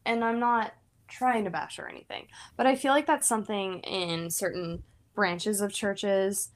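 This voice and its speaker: A woman's voice: mid-range voice, fairly even intonation, a little slow. A young woman co-hosting a podcast who leads worship, talking casually with many fillers and frequent laughs. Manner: chatty, lots of fillers, laughs often. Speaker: podcast co-host, worship leader.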